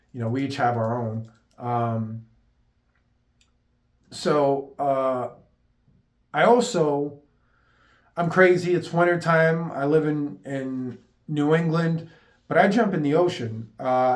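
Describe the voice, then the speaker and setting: Male self-help vlogger, fairly high voice, earnest and rambling, recorded in an echoey room. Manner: rambling and earnest, with frequent fillers and restarts. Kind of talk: casual unscripted monologue.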